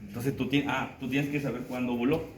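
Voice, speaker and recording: A man teaching a class, animated, counting aloud and quizzing his students as he works at the board. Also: medium pitch, a little fast, roomy sound, recorded from a distance, slight background noise, low-quality recording. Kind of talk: classroom lecture.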